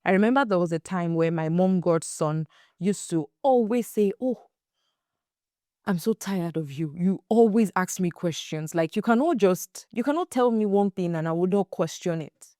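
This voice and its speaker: A young adult woman hosting a faith-based podcast, telling stories in a casual, animated way and acting out the quotes. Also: on the low side, moderate pace, no echo, clean studio sound. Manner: animated storyteller, acts out quotes, emphatic repeats. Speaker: podcast host.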